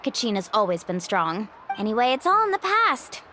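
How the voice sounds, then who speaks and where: A woman's voice: fairly high pitch, very animated, moderate pace, sharp tone, soft background music. A woman voicing a cheerful, easygoing young local guide in an anime game, with a breezy, friendly, enthusiastic manner. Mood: breezy, upbeat.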